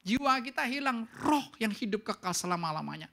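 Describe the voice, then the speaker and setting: Man, pastor preaching, high voice, bright and forceful, animated delivery, church service. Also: brisk, creaky, a little hiss or hum. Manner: animated preaching with rising emphasis; mixes English words into speech. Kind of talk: sermon.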